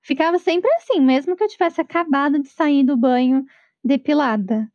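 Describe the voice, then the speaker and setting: A woman with a high, bright-pitched voice and a Brazilian Portuguese accent, chatting casually on a podcast. She reacts expressively with lots of exclamations. Her voice comes through a dull, dry, lo-fi microphone. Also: moderate pace, no echo.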